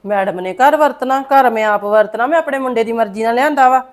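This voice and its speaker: Woman acting as a suspicious homeowner, Punjabi accent, rapid, fairly high voice, probing. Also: lightly acted. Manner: probing questions, blunt. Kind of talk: Punjabi short-film acting.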